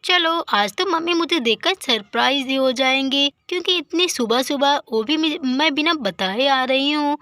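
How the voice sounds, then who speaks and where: A woman telling a village doll story in Hindi, chattering to herself in a lively, homely way. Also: high voice, normal speed, hardly any pauses, no room sound. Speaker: storyteller voicing all the dolls. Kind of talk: Hindi doll story narration with character voices.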